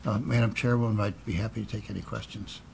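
A man giving formal legislative testimony in a measured, politician-like official manner, halting with frequent pauses. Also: fairly low pitch, steady tone, creaky. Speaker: physician and state health official testifying. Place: indoor legislative committee room. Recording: noisy public hearing room audio.

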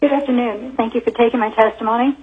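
A woman's voice: fairly high pitch, steady tone, fast talker, slightly rough. A woman in her fifties giving formal testimony as a teacher and parent, heard over a phone line in a hearing room, earnest and reading prepared points.

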